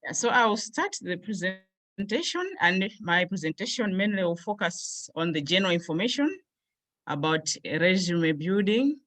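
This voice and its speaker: A woman's voice: on the low side, moderate pace. A young woman from Malawi, a graduate student, presenting a workshop over a video call and going through points one by one. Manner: steady explanatory pace, lists points one by one.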